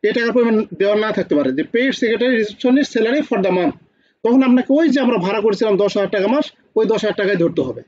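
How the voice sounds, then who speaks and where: A man with a high voice and a Bangladeshi Bengali accent lectures quickly in an online class. He keeps asking students questions and repeating key points. The sound is dull and lo-fi, like a computer mic on a video call. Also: a little mellow. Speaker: accounting teacher.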